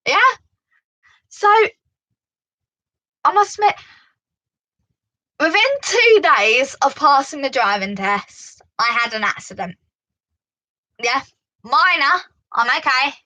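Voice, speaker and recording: Bright-voiced chatty British woman. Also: high-pitched, slow, long pauses, dry recording, low-quality recording. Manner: chatty and animated, full of "like" and "you know". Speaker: vlogger giving driving advice. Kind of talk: casual storytelling to camera.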